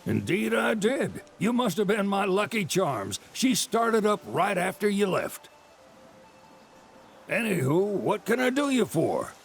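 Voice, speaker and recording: A man's voice: high voice, sing-song, measured pace, gravelly, soft background music, exaggerated voice. An actor playing a genial, folksy old rancher in a video game, with a Southern American accent and chatty salesman's patter. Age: older. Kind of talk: video game character dialogue.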